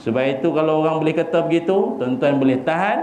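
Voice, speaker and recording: A man with a Malaysian accent giving a humorous sermon, animated and joking as he acts out little scenes. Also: fairly high pitch, quick pace, a little hiss or hum. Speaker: preacher. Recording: echoey hall with faint ambience.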